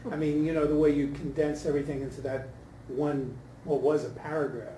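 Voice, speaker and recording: During an indoor post-reading discussion, a scholar from the audience critiques informally, hesitating and thinking aloud among the group. His mellow voice is on the high side with little pitch movement, and he speaks briskly. Picked up far from the mic, the sound is distant and roomy with background noise.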